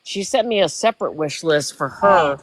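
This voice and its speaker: A woman's voice: low-pitched, animated, normal speed, dry recording. A woman in her sixties, a livestream guest, telling a story in casual chat, emotional and rambling, often repeating herself. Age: 60s.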